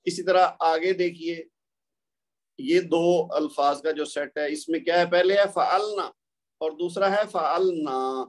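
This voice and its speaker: A man with a Pakistani Urdu accent giving a recorded tajweed lecture, patiently explaining word pairs and slowing down to contrast them. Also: on the high side, steady tone. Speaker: Quran recitation teacher.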